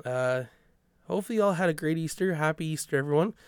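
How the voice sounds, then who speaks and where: A man's voice: a little high, fast talker, clear, resonant tone, dry recording, clean studio sound. A man, congested from a cold, hosting a podcast in a rambling, chatty way with frequent self-corrections. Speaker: podcast host. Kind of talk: casual podcast intro.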